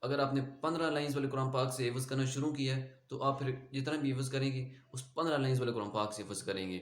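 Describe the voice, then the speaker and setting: A man teaching an online Quran lesson with a Pakistani Urdu accent, explaining pronunciation patiently and reciting slowly for students to repeat. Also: mid-range voice, steady tone, echoey room.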